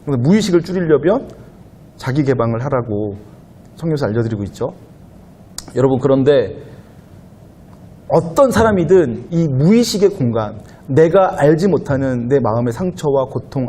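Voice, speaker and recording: A man pastor giving a conversational sermon to a young adult congregation in a church, at times growing louder and higher as he presses a point. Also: moderate pace, a little hiss or hum. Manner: conversational preaching, rising loud and high when animated. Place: church sanctuary.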